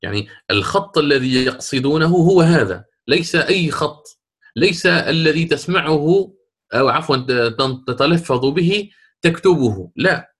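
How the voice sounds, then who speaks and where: A man's voice: fairly high pitch, lively intonation, normal speed, a bit bright, breathy edge. A man teaching a class, explaining patiently with rhetorical questions and frequent restarts. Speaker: Quran recitation teacher. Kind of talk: classroom lecture.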